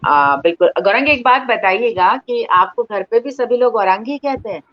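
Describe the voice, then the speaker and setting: A woman's voice: fairly high pitch, lively intonation, moderate pace, muffled recording, slight background noise. A woman hosting an online interview, formal and encouraging, often stopping to praise her guest. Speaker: interview host.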